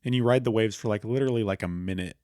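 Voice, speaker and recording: A man's voice: on the low side, racing, a little mellow, smooth, no echo, clean studio sound. A man co-hosting a casual podcast chat, rambling through a story with lots of "like" and "um". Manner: rambling with many fillers, retelling a game story. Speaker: podcast co-host.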